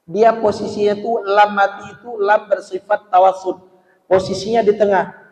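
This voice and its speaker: A man teaching Quran recitation in a mosque, correcting pronunciation and repeating syllables slowly. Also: high voice. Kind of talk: tajweed lesson with recited examples. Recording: echoey, dull hall recording.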